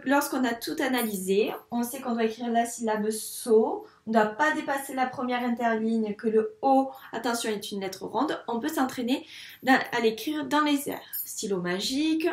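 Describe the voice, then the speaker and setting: A woman teacher from France giving a young child a handwriting lesson, spelling out sounds slowly and clearly, syllable by syllable. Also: on the high side, roomy sound. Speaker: first-grade teacher.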